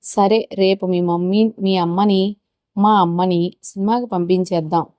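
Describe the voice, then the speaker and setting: A woman voicing a restless teenage boy in a storybook reading, speaking in a hushed, excited way. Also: mid-range voice, unhurried, clean tone, no room sound, studio quality, lightly acted. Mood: eager.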